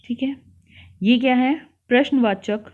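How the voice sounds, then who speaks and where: A woman's voice: high-pitched, unhurried, darkish tone. A young woman teacher taking children through a worksheet lesson, patient, explaining and repeating things. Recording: tinny phone-like sound.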